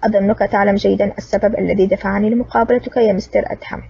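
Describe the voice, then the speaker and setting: A woman's voice: mid-range voice, steady tone, very fast, gravelly, slightly rough, no room sound. A woman voicing a cunning, gloating old man villain in a wheelchair in an audiobook, speaking smugly. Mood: sly menace. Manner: cunning, smug and mocking. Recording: distant, dull lo-fi recording.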